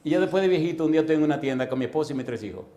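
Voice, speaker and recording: A middle-aged man preaching a sermon in a church, telling comic stories with sudden loud bursts and sound effects and putting questions straight to the congregation. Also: fairly high pitch, expressive, rapid-fire. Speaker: pastor. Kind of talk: sermon with comic personal anecdotes.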